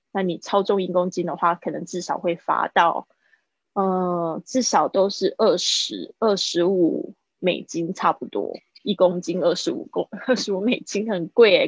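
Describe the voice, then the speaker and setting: Woman teaching English vocabulary, husky voice. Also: lowish voice, dry recording. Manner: mixes Mandarin with English, drawn-out vocabulary drills. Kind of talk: live-streamed language lesson. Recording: husky, dull lo-fi stream audio.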